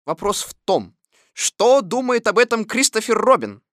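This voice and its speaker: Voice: medium pitch, very animated, moderate pace, a bit bright, no room sound, studio quality, voice pushed up. A reader voicing a fussy, self-important male rabbit who talks solemnly. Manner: reasoning, solemn, bossy.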